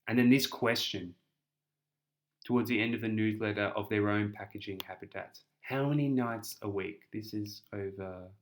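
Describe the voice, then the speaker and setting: A man's voice: on the low side, steady tone, moderate pace. A young man with an Australian accent explains an essay in a chatty, casual tutoring style, often repeating words and restarting.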